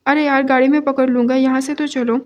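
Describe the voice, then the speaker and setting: A woman's voice: high voice, level tone, lo-fi sound, close to an everyday voice. A woman voicing a young husband who coaxes and placates his wife, in an audio novel reading. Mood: coaxing. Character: young man, patient husband, gently teasing.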